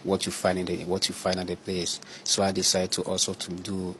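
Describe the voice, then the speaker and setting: A man from Nigeria, a pastor, giving hesitant, halting answers under questioning. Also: low voice, completely flat delivery, noisy background.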